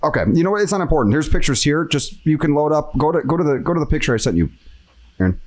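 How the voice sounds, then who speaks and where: A man's voice: on the high side, animated, fast talker, darkish tone. A man hosting a podcast, talking in casual chat and ranting with exasperated energy. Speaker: podcast host.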